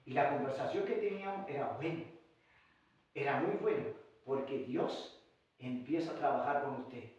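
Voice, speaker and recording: A man with a Chilean accent preaching a fervent sermon, swinging from hushed asides to shouted, sung-out lines. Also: medium pitch, normal speed, heavy reverb, distant mic, low-quality recording. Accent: Chilean Spanish. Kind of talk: Pentecostal-style sermon. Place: church hall.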